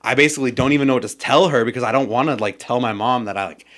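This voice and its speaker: A man's voice: mid-range voice, very fast. A young man on a podcast, telling a personal story in casual chat, with plenty of swearing and acted-out quotes. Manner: animated, swears a lot, acts out quoted yelling. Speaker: podcast guest.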